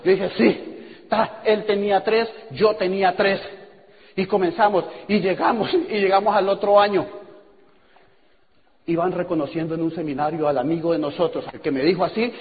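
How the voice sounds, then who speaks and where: A man's voice: sits high, fairly even intonation, moderate pace. A man telling a story to a seminar audience in an auditorium, acting out dialogue and laughing often. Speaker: speaker at a business seminar. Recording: echoey hall over a tinny, noisy line.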